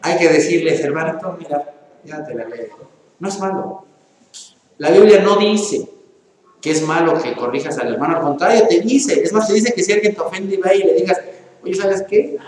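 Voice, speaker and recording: A man preaches into a microphone in a church hall, his voice pitched fairly high for a man. He talks to the congregation like a neighbor, tossing questions at them and playing out little back-and-forth scenes. The room is very echoey with a long reverb tail over a faint background hiss. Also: fairly quick, a little mellow. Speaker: pastor. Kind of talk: sermon. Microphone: handheld or stand microphone.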